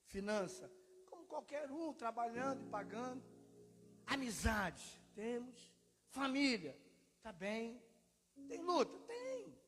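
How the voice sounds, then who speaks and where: Brazilian man, pastor, animated sermon storyteller; high voice, long hall echo. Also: slow pace, faint music behind. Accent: Brazilian Portuguese. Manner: animated storyteller, acts out prayers, laughs at himself. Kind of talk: sermon with personal testimony. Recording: echoey hall with background noise.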